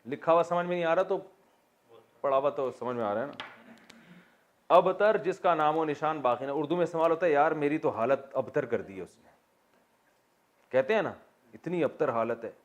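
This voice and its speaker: A man's voice: a little high, long pauses, muffled recording. Man teaching a class, quizzing students. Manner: explains step by step, asks the class questions and answers them himself. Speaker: religious teacher. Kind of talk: classroom lecture on Quran vocabulary and grammar.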